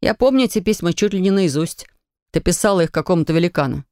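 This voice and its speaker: A woman voicing a troubled husband, an investigator, who speaks in a soft, coaxing and pained way. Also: on the low side, animated, quick pace, smooth, no echo, clean studio sound, lightly acted. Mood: indignant. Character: troubled husband, an investigator, gentle but wounded.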